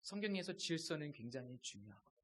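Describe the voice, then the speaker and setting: A man with a high, light voice preaches a Sunday sermon. He speaks in a measured, deliberate way, leaning on single words and then letting his voice drop almost to a murmur for emphasis. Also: sing-song. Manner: measured preaching with dramatic pauses and dips in volume. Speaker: pastor.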